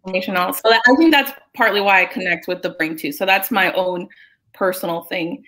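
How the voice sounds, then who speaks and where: Relaxed woman co-hosting a chat. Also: mid-range voice, a little fast. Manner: relaxed, chatty, with frequent fillers. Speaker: co-host. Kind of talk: casual livestream chat.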